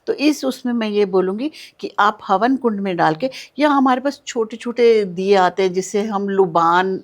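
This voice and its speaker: A woman speaking as a podcast guest, explaining step by step. She is patient and instructive and keeps repeating the key words. Her voice sits at a medium pitch for a woman. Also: moderate pace. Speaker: guest, switch-word remedy expert.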